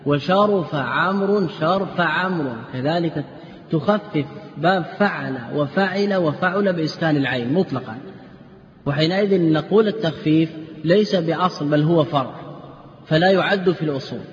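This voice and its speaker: A man's voice: a little high, normal speed, a little hiss or hum. A man teaching a classroom lecture. He quizzes his students with rhetorical questions, answers them himself, and drills word forms over and over. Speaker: Islamic scholar teaching a class. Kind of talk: classroom lecture on legal theory and grammar. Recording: dull echoey hall lecture recording.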